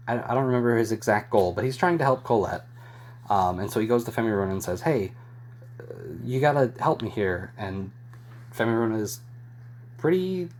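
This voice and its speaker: A man hosting his own channel, giving a rambling, amused, casual spoken recap of anime episodes with frequent soft chuckles. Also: on the low side, a little hiss or hum. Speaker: YouTube host reviewing an anime.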